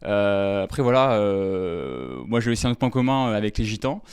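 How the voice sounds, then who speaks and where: A young man from the French countryside doing live stand-up on stage, talking fast and stammering through filler words. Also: on the low side, expressive, a little mellow, clean tone, no echo, studio quality. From rural France. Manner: talks fast, stammers and hesitates with many fillers. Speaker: stand-up comedian. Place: live comedy stage with audience.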